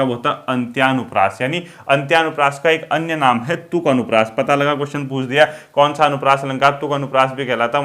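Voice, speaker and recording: A man teaching an exam-prep grammar lesson, explaining step by step, asking and answering his own questions, and slowing down to read example verses. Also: medium pitch, sharp tone. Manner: drawn-out, slowed reading of example verses.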